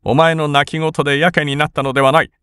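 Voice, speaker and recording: A man's voice: fairly high pitch, level tone, fast talker, sharp tone, clean tone, dry recording, voice pushed up. A man voicing a timid samurai older brother who is frightened but determined, speaking in a trembling, urgent voice. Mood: urgent resolve.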